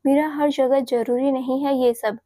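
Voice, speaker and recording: A woman's voice: high voice, fairly even intonation, unhurried, mellow, no room sound, clean studio sound. A woman voicing a stern, loving young fiancé. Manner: scolding, firm yet tender.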